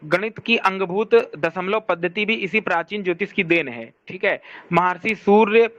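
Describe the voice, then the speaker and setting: Male lecturer, high voice, reads a text aloud and explains it, answers his own questions, dry close sound. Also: normal speed, fairly bright tone, no room sound, lo-fi sound. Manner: speaks to someone scrolling a shared document. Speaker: teacher of Vedic studies.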